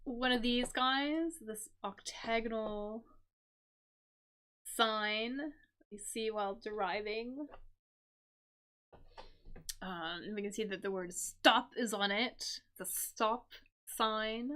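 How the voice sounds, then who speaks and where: A woman hosting a live-stream English lesson, explaining crossword clues slowly with many fillers and repeated "right?". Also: on the high side, bright, forceful tone, a little hiss or hum. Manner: slow, repetitive explaining with frequent fillers and "right?".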